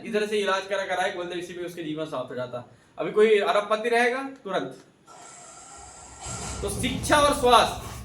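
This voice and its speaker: Echoey high-voiced male teacher quizzing class. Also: fairly bright tone, a little hiss or hum. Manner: asks questions and repeats students' answers back. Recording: echoey room, voice from a distance.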